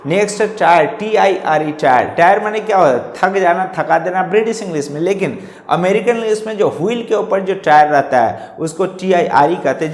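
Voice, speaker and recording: Man teaching, spelling words out, echoey room. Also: on the high side. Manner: asks and answers his own questions. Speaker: English teacher. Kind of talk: classroom-style lesson.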